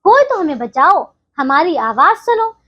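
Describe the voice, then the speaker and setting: A woman's voice: very high voice, sing-song, a little slow, pushed and bright, lo-fi sound, exaggerated voice. A woman voicing a group of quarrelsome colors in a children's storybook lesson, crying out in rhyme. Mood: pleading.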